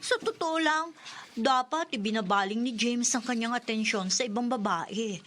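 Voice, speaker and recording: An actress playing a meddling, gossipy young neighbor, insinuating and pushy, in old radio show acting. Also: female voice, fairly high pitch, moderate pace, fairly bright tone, lightly acted. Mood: catty, insistent.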